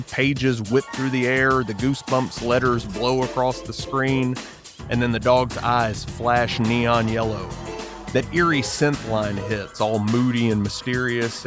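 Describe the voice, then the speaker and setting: A man's voice: medium pitch, no room sound. Man, thirties, podcast host, scripted nostalgic narration, playful and upbeat, dry close sound. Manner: enthusiastic, playful, with comic asides.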